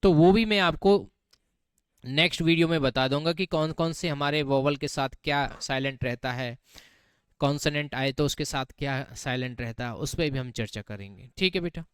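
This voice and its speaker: Male teacher, smooth higher voice. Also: normal speed, no echo, studio quality. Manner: keeps asking students questions and repeating words, calls them beta. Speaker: English teacher. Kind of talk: classroom-style spoken English lesson.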